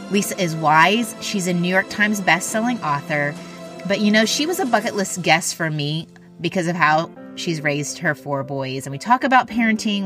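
A woman hosting a faith and parenting podcast in an upbeat, chatty way, greeting listeners with lively warmth. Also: lowish voice. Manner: warm and chatty, drawn-out greetings. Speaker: podcast host.

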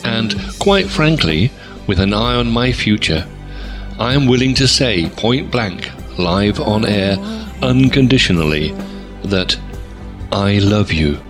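A man playing a self-absorbed, pompous stand-in radio presenter, earnest and deliberate in a scripted comic monologue. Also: on the low side, lively intonation, music in the background.

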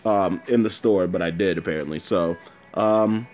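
A man's voice: low-pitched, normal speed, darkish tone, soft background music. A man who sounds nasal and congested from being sick, hosting a casual chat show with playful, teasing exaggeration. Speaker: show host.

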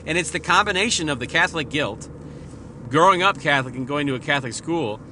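An adult man, married and a father, hosts a solo podcast in a fairly high, animated, quick voice with a sharp tone. He talks casually, swearing, rambling and putting himself down, and there's a little hiss or hum on the audio.

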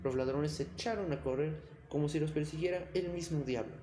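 A man reading a fairy tale aloud in an even, expressive storyteller manner. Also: a little high, brisk, slight background noise. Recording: long hall reverb.

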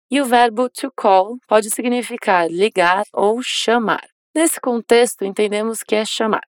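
Woman teaching English, clear and patient. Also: medium pitch, no echo, studio quality. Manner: explains slowly, then models English phrases for repetition. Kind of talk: language lesson narration.

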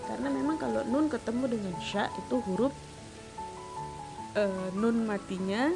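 A woman's voice: mid-range voice, vocal fry. A woman teaching Quran recitation rules, patiently demonstrating each sound by repeating it. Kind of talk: tajwid lesson with spoken demonstrations. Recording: background music under voice.

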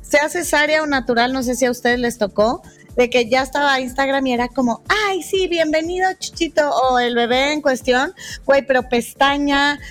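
Slangy high-voiced Mexican woman. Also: steady tone, moderate pace, soft background music. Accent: Mexican Spanish. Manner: slangy, joking, emphatic. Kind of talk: casual chat.

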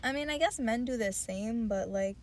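A woman's voice: on the high side, normal speed, slight background noise. A young woman co-hosting a podcast, thinking aloud in casual chat, hedging with lots of "like" and "you know". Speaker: podcast co-host.

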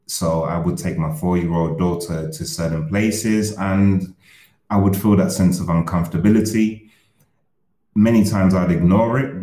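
A man from Uganda talks earnestly and reflectively on a podcast. His voice is very low, dark and mellow, and the room echoes noticeably around him. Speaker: podcast guest. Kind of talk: casual personal discussion.

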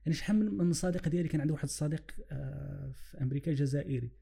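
A man's voice: a little high, rapid-fire, vocal fry, dark tone, slightly rough. A man with a Moroccan Arabic accent reflecting on religion in conversation, illustrating with examples and mixing in English phrases. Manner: mixes English phrases into his speech.

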